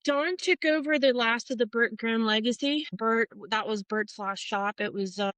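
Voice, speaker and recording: A woman's voice: a little high, normal speed, a bit bright, no room sound, low-quality recording. A middle-aged woman from Portland, Oregon, a tattoo artist telling her story in a casual interview, rambling and swearing with many fillers.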